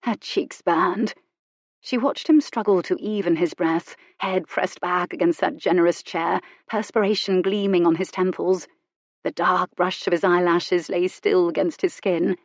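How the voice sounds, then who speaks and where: A woman narrating a romance novel in an intimate, measured reading. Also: on the low side, steady tone, no echo, studio quality. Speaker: audiobook narrator.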